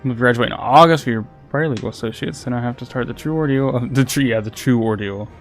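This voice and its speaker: A man's voice: mid-range voice, fast, faint music behind. A man streaming a game, chatting casually with viewers and restarting his sentences a lot. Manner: rambling, with frequent restarts and repeated words. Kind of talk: casual livestream gaming chat.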